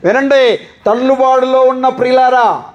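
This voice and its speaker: A man's voice: very high-pitched, steady tone, normal speed, dull audio. A man pastor preaching a sermon into a microphone, with rhetorical questions and repeated lists. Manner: rhetorical questioning, repetitive listing. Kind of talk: Telugu sermon with congregation call-and-response.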